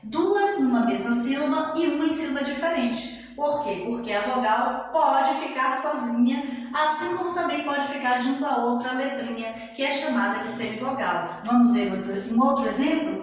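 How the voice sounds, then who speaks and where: A woman, sounding middle-aged, teaches a grammar lesson in a fairly high voice. She stretches each syllable out slowly and keeps checking in with her students. The recording sits in a very echoey room with a long reverb tail. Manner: slow, drawn-out syllables with frequent check-in tags.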